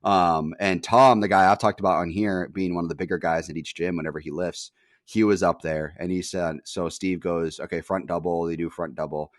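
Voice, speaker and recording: This podcast host is a young man with a low voice who speaks briskly and with fairly even intonation. He tells a rambling story in casual chat, packed with fillers and offhand swearing. The audio is studio quality with no echo.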